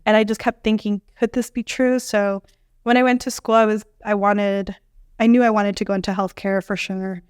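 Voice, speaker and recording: Brief: young woman guest, smooth resonant voice, dry close sound, lively storyteller. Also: medium pitch, moderate pace, no echo. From Bolivian family. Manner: animated, many fillers, acts out quoted dialogue. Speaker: dietitian guest. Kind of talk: conversational storytelling interview.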